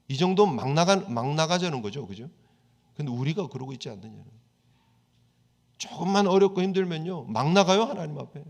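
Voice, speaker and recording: Korean pastor preaching in a reverberant hall. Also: male voice, sits high, a little mellow. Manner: conversational preaching, acts out quoted prayers. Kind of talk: sermon.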